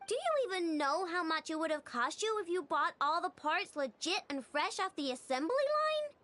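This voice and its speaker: Cheeky young game inventor girl, super high, bouncy, bright. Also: moderate pace, exaggerated voice. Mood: boastful. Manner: lively, cheeky. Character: young girl inventor, spirited, snack-loving.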